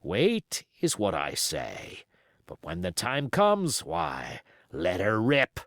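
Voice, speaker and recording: Here the reader's pirate sea cook, commanding and crafty, speaks slowly in folksy seafaring grammar, pausing to weigh his words in a cold, menacing mood. The exaggerated voice is fairly bright with vocal fry, its pitch swooping wildly. It is recorded close and dry, with no echo.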